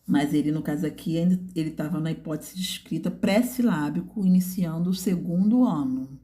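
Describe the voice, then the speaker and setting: A woman's voice: low voice, brisk, warm tone, a little hiss or hum. A woman teacher, walking through a student's writing portfolio in a didactic way and often checking in with her listeners. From Brazil.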